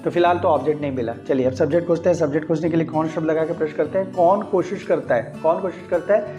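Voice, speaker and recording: A man's voice: a little high, fairly even intonation, fast, dull audio, music in the background. A man teaching English grammar, explaining step by step and repeating key phrases as he questions his students. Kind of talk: explanatory lesson.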